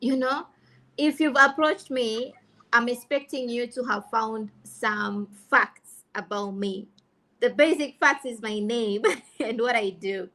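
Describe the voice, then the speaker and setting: Woman, Kenyan accent, fairly high voice, candid panel talk, emphatic repetition, English-Swahili code-switching. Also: steady tone, slow pace, bright, forceful tone, poor audio. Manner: emphatic, repeats phrases for stress. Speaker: content creator on a panel.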